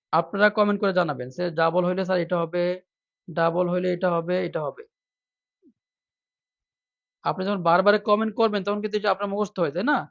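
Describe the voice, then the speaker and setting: A man's voice: high voice, gravelly, dull audio. A male teacher leading a live online lesson for job exams, repeating each question again and again to quiz his viewers. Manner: reads viewer comments aloud, softer.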